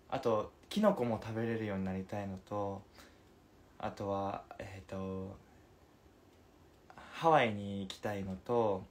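A young man in his twenties chats casually on a phone livestream, playful and giggly as he answers comments. His voice sits a little low for a man. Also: slight background noise. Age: 20s. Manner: playful and chatty, giggles between remarks. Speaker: livestream host.

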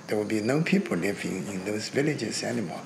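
A man gives a halting interview answer in translation, stopping on fillers and restarts. His voice is low and gravelly, and clear noise runs behind him. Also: expressive.

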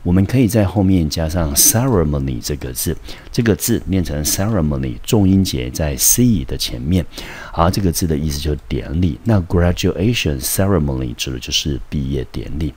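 A man's voice: very deep voice, expressive, moderate pace, a little mellow, slight background noise. A man with a Taiwanese Mandarin accent teaching English exam vocabulary, patiently spelling words out letter by letter.

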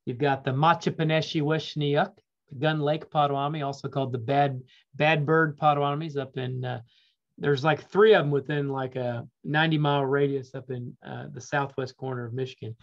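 A man, teaching an online language class. He drills vocabulary slowly and repeats it, then adds relaxed, joking asides. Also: medium pitch. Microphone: video call. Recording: dull lo-fi video call audio.

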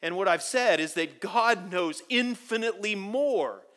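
A man preaching a sermon as pastor, telling stories with animated swings from quiet asides to loud emphasis. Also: high voice, unhurried. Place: church sanctuary.

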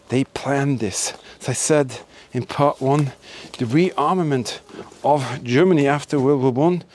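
Outdoors among trees and ruined buildings, a man who hosts a history exploration channel talks to the camera as he walks. His voice is a little mellow and medium in pitch, and his enthusiastic, emphatic style repeats words often.

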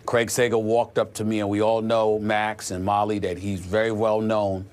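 A middle-aged man with a fairly low voice talks on a sports show. He is earnest and reflective, and he often breaks off and restarts his sentences. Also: flat delivery, moderate pace. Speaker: sports talk show host. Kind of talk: conversational sports talk tribute.

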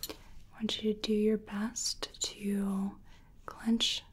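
A woman in her twenties in a whispered role-play as a soothing clinician, giving slow, breathy relaxation instructions up close. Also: medium pitch, completely flat delivery. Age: 20s. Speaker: ASMR performer playing a sleep clinician.

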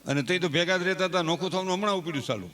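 A man's voice: high-pitched, racing, a bit bright. A man telling humorous folk stories to a live audience in a chatty, teasing way. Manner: chatty, teasing and full of homely sayings. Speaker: folk speaker.

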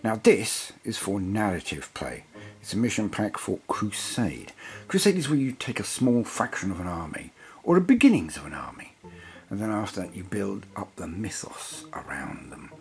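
A man's voice: lowish voice, sing-song, normal speed. A tired man chatting casually as a hobby channel host, rambling and digressive as he reviews a game book. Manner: rambling and digressive, self-described waffler. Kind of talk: casual chat.

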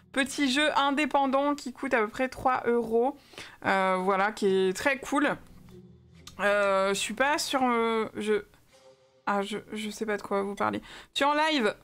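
A woman's voice: high voice, a bit bright. A young woman from France streaming a game live, chatting casually and greeting viewers by name with lots of fillers.

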